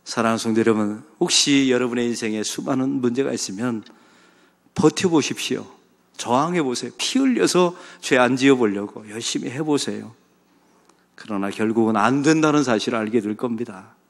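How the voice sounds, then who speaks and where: A middle-aged male pastor preaching a sermon, swinging dramatically between loud exclamations and hushed, pleading passages. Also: medium pitch, moderate pace. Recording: long reverb of a church hall.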